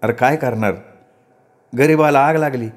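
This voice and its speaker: A man's voice: mid-range voice, normal speed, close to an everyday voice. A man voicing a bitter young farmer. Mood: weary. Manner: plain, grumbling, resentful. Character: young male farmer, poor, bitter, weary.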